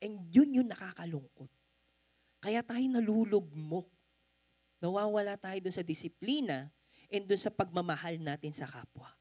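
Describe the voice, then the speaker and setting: A woman's voice: mid-range voice, dry recording. A woman with a Filipino accent preaching a sermon, switching between Tagalog and English and acting out the people in her story. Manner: animated, mixing Tagalog and English, acting out quotes.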